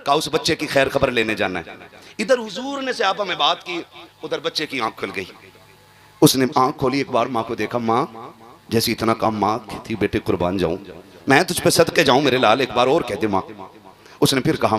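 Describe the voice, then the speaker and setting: Male preacher, impassioned and lively in pitch, building to loud cries. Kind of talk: devotional sermon storytelling.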